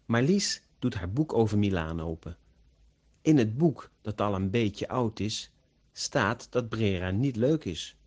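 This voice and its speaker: A man narrating a story slowly and carefully, as an audiobook for language learners. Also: lowish voice, lively intonation, a little mellow, muffled recording. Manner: slow, carefully pronounced.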